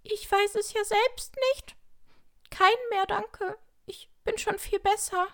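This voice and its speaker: A woman voicing a small, weak male lizard with a squeaky, shaken voice in an audiobook. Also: little pitch movement, slow, a bit bright, exaggerated voice. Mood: flustered. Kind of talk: audiobook reading.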